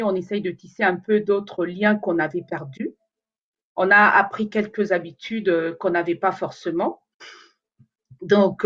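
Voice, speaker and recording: Here the highs are cut off, leaving a lowish female voice. She is a native Lingala speaker who rambles casually to her viewers in a live video as a vlogger, with plenty of fillers and restarts.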